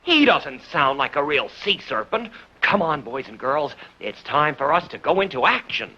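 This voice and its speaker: A man voicing a cheerful, encouraging cartoon helper who slowly leads children through drawing with exclamations. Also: a little high, sing-song, bright, forceful tone, exaggerated voice. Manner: slow, instructing, exclamatory. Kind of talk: children's cartoon, speaking to young viewers. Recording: dull, lo-fi old cartoon soundtrack.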